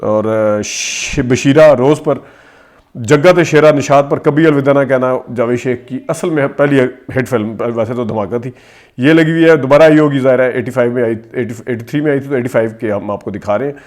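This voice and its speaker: A man hosting a rapid film-history commentary, reeling off movie titles fast and adding quick asides. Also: medium pitch, darkish tone. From Pakistan. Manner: reels off titles quickly, stressing names, with asides. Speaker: host.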